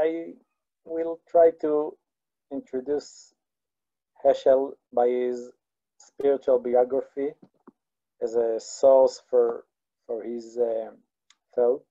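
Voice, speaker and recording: A man with an Israeli accent, a native Hebrew speaker, giving an online lecture in a slow, halting way with many restarts and fillers. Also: mid-range voice, dark tone, muffled recording.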